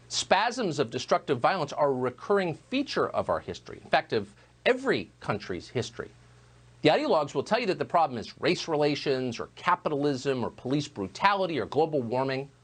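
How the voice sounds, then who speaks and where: A man delivering a scripted opinion monologue as a news host, measured and emphatic. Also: a little high, breathy edge.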